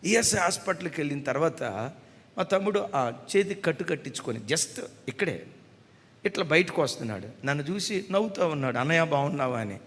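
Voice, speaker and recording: A middle-aged male pastor preaches with a bright, forceful voice that carries a long reverb through a church hall. He drops to soft, tearful storytelling, then surges into loud, impassioned declarations. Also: on the high side, lively intonation, a little fast. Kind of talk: sermon.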